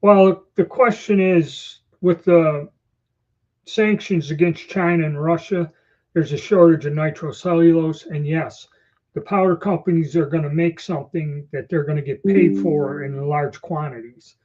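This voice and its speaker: Mellow, dull-sounding man with slightly impeded speech. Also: a little high, measured pace. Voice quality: slightly impeded speech from new false teeth. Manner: rambling, conversational. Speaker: livestream host. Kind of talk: casual livestream chat answering viewers. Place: small storeroom or office, indoors. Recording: dull lo-fi livestream audio.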